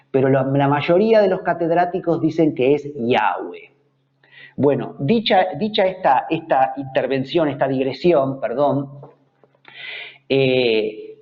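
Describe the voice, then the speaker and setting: A man with a Rioplatense Spanish accent gives a Bible study lecture at a medium pitch. He explains step by step and often repeats a word before going on. The recording is dull and lo-fi. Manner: explanatory, repeats words while searching for the next. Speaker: Bible teacher.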